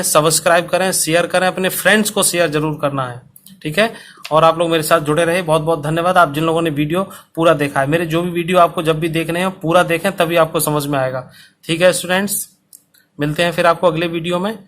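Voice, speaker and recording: A male teacher explaining a Sanskrit lesson to school students, speaking slowly and deliberately so they can write along. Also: a little high, steady tone, a bit bright. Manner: slow, dictation-paced explanation. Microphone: recorded for online video.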